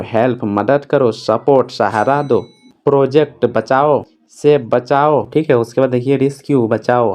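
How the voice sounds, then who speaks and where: A man running through a long vocabulary list, saying each English word and then its Hindi meaning. He talks quickly and steadily, with a mid-range voice and frequent "thik hai" fillers between items. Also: mid-range voice, darkish tone. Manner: brisk, repetitive, fills pauses with "thik hai".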